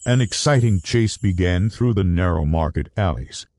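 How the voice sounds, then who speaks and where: A man narrating a scripted children's adventure story in an animated storybook manner. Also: sits low, moderate pace, dry recording.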